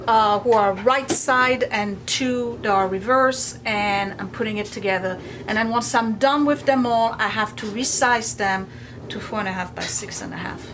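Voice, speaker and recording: A woman's voice: medium pitch, a bit bright. A woman hosting a casual hands-on quilting tutorial, explaining step by step, with machine noise behind her voice. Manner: explains step by step, checking understanding. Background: sewing machine noise.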